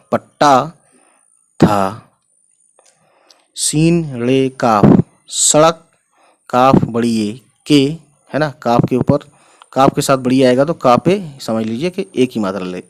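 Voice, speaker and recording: A male teacher works through a beginners' reading lesson at a patient, deliberate pace. He names each letter, then reads the word it makes. He keeps checking that the viewer is following along. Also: on the low side. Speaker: Urdu teacher. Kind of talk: slow spelling-out reading lesson.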